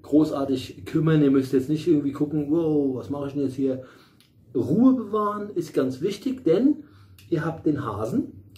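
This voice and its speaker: A man's voice: on the high side, expressive, normal speed, dark tone. A middle-aged man giving a casual tarot reading at home, rambling with many fillers and restarts and the odd blunt aside. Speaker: tarot reader. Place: small room at home, in front of a bright window.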